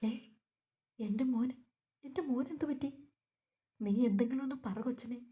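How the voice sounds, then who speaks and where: A woman's voice: a little high, normal speed, warm tone, close to an everyday voice. A woman reading the part of a scheming middle-aged uncle who gushes with overdone sympathy on the phone. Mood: alarmed.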